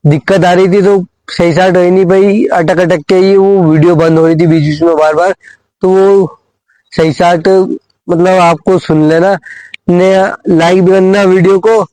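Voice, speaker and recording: A man's voice: high-pitched, fairly even intonation, unhurried, warm tone, no room sound, poor audio. A young man telling a school story on a phone in a casual comic vlog, rambling with many fillers and repeated phrases. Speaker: vlogger.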